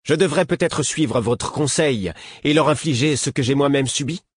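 A man's voice: deep voice, unhurried, husky, no room sound, pitched below the performer's own voice. A man voicing a frail, bitter man who speaks short of breath, his voice near cracking.

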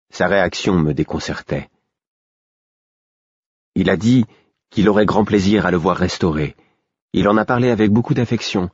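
A male audiobook narrator with a very low, husky voice, reading first-person literary prose in a measured, even way. The recording is close, dry, and somewhat dull. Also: no room sound.

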